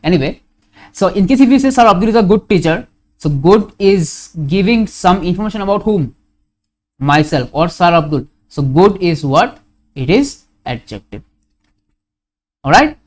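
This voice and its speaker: A man talks through a grammar lesson for his students. He fills every pause with "okay." He asks questions and answers them himself, correcting his own small slips along the way. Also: high-pitched, animated. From India. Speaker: teacher.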